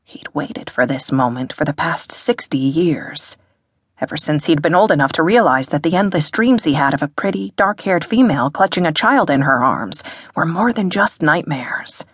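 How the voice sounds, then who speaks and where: A woman reading an audiobook in a measured, dramatic narration. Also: low-pitched, lively intonation, breathy edge, no echo, studio quality. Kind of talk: scripted narration.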